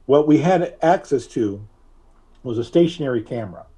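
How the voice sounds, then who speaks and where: This filmmaker guest speaks at a medium pitch with an animated, warm tone. He explains things conversationally as he tells stories in an interview, stretching his pauses out.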